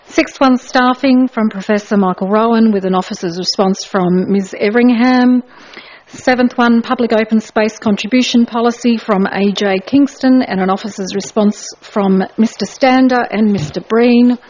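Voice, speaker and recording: A woman runs a council meeting as mayor, moving briskly through procedure with a few light asides. The recording is dull and lo-fi. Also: on the high side, darkish tone.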